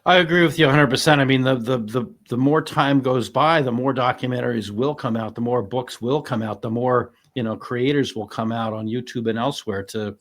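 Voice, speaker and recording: A man's voice: medium pitch, a little fast, hardly any pauses, a bit bright. Man, lawyer host, video call panel chat, rambling, emphatic, self-deprecating. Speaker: lawyer hosting a true-crime channel. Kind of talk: casual panel discussion.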